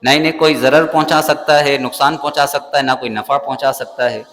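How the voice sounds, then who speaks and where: A man's voice: medium pitch, steady tone, a bit bright. A man from Pakistan teaching a Quran lesson in a mosque. He chants verses melodically, then translates and explains them plainly. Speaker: Islamic scholar teaching the Quran. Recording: long hall reverb, faint music behind.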